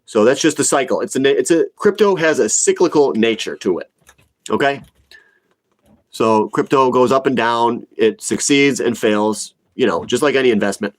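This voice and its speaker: Sniffling through a cold, a man of about forty speaks at medium pitch and normal speed while chatting with viewers on his livestream. He's a retail investor answering comments casually, blunt and opinionated, repeating himself for emphasis.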